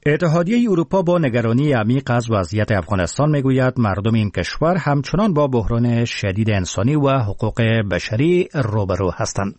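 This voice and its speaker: Male newsreader, studio-dry, steady and formal in his delivery. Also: medium pitch, dry recording. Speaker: news anchor. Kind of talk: scripted news reading. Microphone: dry studio mic.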